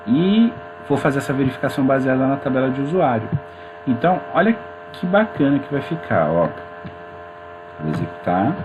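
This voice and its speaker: A man teaching a programming class in a casual, chatty way, talking viewers through his screen. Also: mid-range voice. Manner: chatty and informal, addresses viewers as gente. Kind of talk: screen-recorded coding tutorial. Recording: mains hum in background.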